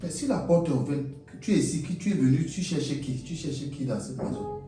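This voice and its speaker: A man's voice: fairly high pitch, a little fast, lightly acted. A man with a Cameroonian French accent playing a stern, blustering older stepfather who keeps scolding. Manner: scolding, repeats himself, demanding. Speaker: stepfather in a comedy web series. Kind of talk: comedy web series acting. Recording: roomy echo, far from mic, light music.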